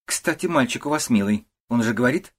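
Male narrator playing a hysterical elderly mother-in-law, shrill, accusing, husky edge. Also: expressive, brisk. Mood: wheedling. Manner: wailing, shrieking, accusing.

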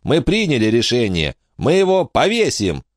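A man's voice: mid-range voice, huge pitch swings, moderate pace, no echo, studio quality, voice pushed up. Man voicing a bossy boy ringleader. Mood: commanding. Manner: commanding, giving orders. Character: bossy boy gang leader, stern and commanding. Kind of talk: audiobook character voice.

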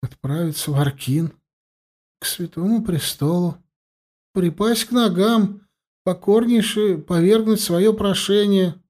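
A man's voice: sits high, measured pace, darkish tone, voice pushed up. A man reading an audiobook, voicing a frightened, whiny male mage who pleads and cries out. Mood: plaintive. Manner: pleading, plaintive outbursts.

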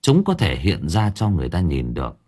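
A man's voice: sits low, huge pitch swings, a little fast, mellow. A man narrating a ghost story as an audiobook narrator in a storytelling manner. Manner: storytelling narration with varied intonation.

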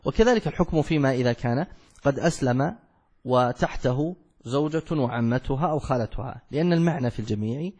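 Husky-voiced sheikh explaining a text. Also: male voice, mid-range voice, expressive, fairly quick, a little mellow. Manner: explains step by step, asks and answers his own questions. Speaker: sheikh teaching a fiqh text. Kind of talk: classical Arabic study lesson.

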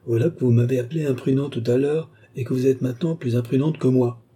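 A man's voice: mid-range voice, quick pace, husky, pitched above the performer's own voice, lightly acted. A man doing a cool, defiant young servant. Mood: calm. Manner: calm, cold replies.

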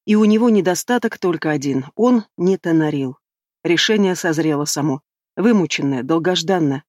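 Man, audiobook narrator, high voice, dry close recording, measured delivery. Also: a little mellow, dry recording. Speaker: audiobook reader. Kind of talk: scripted narration.

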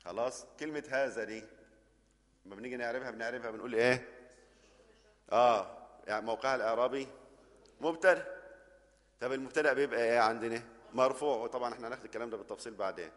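An Egyptian man gives a grammar lesson in a classroom style, walking through each example step by step. His voice sits at an ordinary middle pitch. A long reverb from a large room trails after his words. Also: very fast, long pauses, fairly bright tone. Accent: Egyptian Arabic. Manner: explains step by step, keeps checking with the class. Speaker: Arabic grammar teacher.

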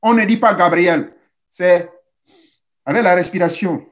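High-voiced man teaching a spiritual rite. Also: measured pace. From Central Africa. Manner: didactic, addresses listeners directly, repeats steps. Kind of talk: instructional talk.

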